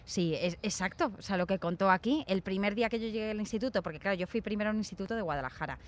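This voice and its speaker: A woman's voice: mid-range voice, rapid-fire. Chatty young Spanish woman telling stories. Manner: animated storyteller acting out quoted voices. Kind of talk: casual chat.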